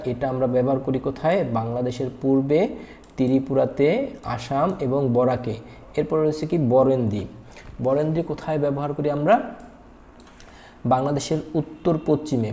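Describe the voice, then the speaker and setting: A man's voice: mid-range voice, dark tone. A male teacher giving a whiteboard grammar lesson, patient and repetitive, asking and answering his own questions with many hesitation fillers.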